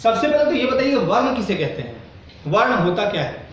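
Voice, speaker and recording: A high-pitched man teaching grammar to a class, forever asking "clear?" and answering his own questions. The room rings with strong echo, and the sound is dull, with a faint hiss behind it. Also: sing-song, a little fast, recorded from a distance. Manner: acts out students' doubts in quoted asides. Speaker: Hindi teacher.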